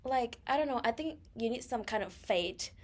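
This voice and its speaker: Co-hosting a laid-back podcast, this young woman from Thailand speaks at a normal pace in a slightly high, expressive voice. She fills her story with ums and self-corrections and is quick to laugh.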